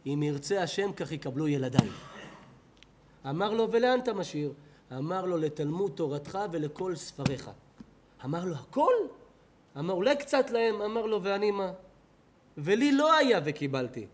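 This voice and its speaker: A man, a rabbi with an Israeli Hebrew accent, preaching a sermon in a synagogue hall, swinging between loud outbursts and low murmurs.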